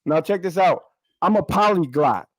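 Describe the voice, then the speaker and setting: A man's voice: high-pitched, animated, normal speed, no echo. A man with a New York accent in a heated informal debate, boastful and taunting, repeating himself and using street slang. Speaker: guest debater on a live stream.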